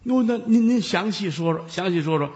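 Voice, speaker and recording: A man's voice: a little fast, in a large hall. A man doing a fawning county magistrate. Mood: nervous. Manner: low, hushed and flattering.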